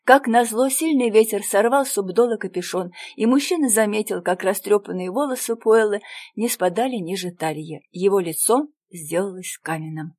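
A woman narrating a storybook in a measured, dramatic reading. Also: mid-range voice, a little mellow.

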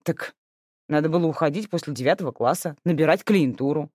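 A woman's voice: low voice, brisk, a little mellow, dry recording, clean studio sound. A woman voicing an exasperated young woman scolding her younger sister in an audiobook. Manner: stern, scolding.

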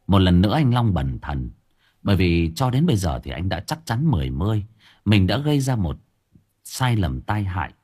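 A man tells a comic story in a wry, colloquial manner. His voice is low and slightly husky, and his delivery rises and falls a lot. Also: big pitch swings, normal speed, a little mellow. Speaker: audiobook narrator.

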